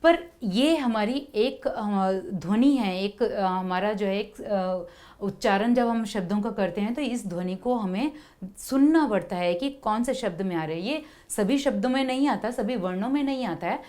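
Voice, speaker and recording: A woman teaching young children, explaining slowly and patiently, repeating letter sounds and pausing on fillers. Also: mid-range voice, darkish tone. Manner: frequent hesitation fillers. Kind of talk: Hindi lesson for children.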